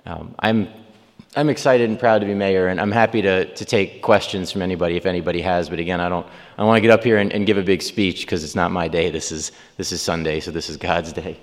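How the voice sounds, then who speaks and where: In a reverberant church hall, a forties-aged mayor from Long Island, New York, chats informally with the congregation and fields questions. He talks fast, his low voice holding a steady tone, while rambling with lots of ums and restarts.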